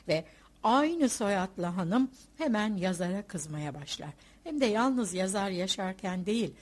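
A woman's voice: medium pitch, a little mellow. Woman reading a novel aloud. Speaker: audiobook reader. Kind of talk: literary audiobook narration.

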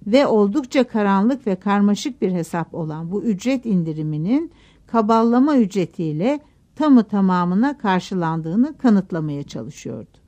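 Expressive woman reading a novel. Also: mid-range voice. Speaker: narrator. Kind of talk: audiobook narration of a novel.

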